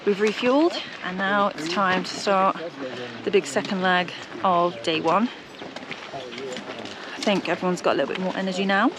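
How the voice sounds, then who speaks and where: A woman's voice: on the low side, moderate pace, pauses often, noisy background. A young woman vlogging to a handheld camera on a mountain trail, tired and short of breath, chatty and encouraging herself along. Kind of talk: casual vlog talk to camera while hiking.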